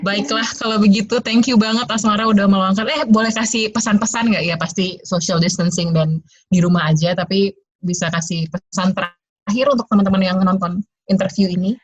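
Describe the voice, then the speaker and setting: A relaxed woman host chats over a video call, tossing in jokes and quick "mm-hm"s. Her voice sits at a middle pitch. The audio is dull and lo-fi. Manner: relaxed, frequent backchannels, joking. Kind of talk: casual video call interview.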